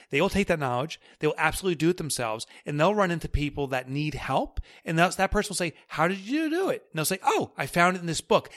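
A man guest on a podcast interview, talking in an energetic, emphatic way and building his points step by step. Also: a little high, no echo, studio quality. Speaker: guest author.

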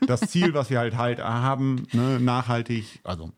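A man co-hosting a podcast, talking casually in a halting way, full of fillers and tag questions. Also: mid-range voice. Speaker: podcast co-host. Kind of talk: casual chat.

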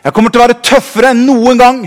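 A man preaching a fervent sermon as a pastor in a church, building from quiet reflection to loud calls. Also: very high voice, little pitch movement. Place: church hall. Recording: long reverb of a church hall.

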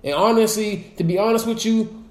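A man's voice: high voice, moderate pace, reverberant. A man co-hosting a podcast, talking bluntly and animatedly in casual chat, swearing freely, with a sore throat. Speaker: podcast co-host.

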